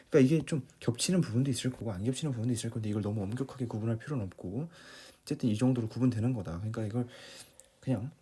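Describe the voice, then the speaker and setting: A man's voice: mid-range voice, dark tone, breathy edge. A man teaching English reading in a casual lecture, talking plainly to his students, often rephrasing and checking in with them.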